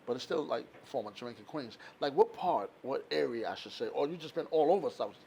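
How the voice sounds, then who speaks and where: A man hosting a casual podcast interview, laid-back and quick to affirm with no doubt and dope. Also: medium pitch, expressive, gravelly, mellow. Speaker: podcast host. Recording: faint background noise.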